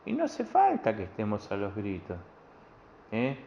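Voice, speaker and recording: Low-voiced Rioplatense pastor preaching. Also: male voice, huge pitch swings, measured pace, vocal fry, mellow, slight background noise. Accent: Rioplatense Spanish. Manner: plain conversational preaching with repeated phrases. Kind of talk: sermon. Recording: dull lo-fi recording with faint ambience.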